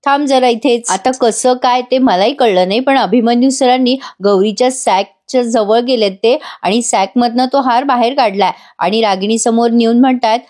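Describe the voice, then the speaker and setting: A woman reviewer retells a TV serial episode in a chatty, casual way, often turning to address her viewers. Her voice sits fairly high. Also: moderate pace, few pauses, darkish tone. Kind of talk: casual recap narration.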